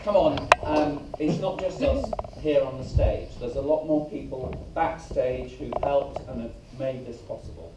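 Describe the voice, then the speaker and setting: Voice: mid-range voice, lively intonation, unhurried, hardly any pauses. A stage performer giving a curtain-call speech to an audience in a village hall, picked up by a distant camera. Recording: distant, echoey hall with loud crowd noise.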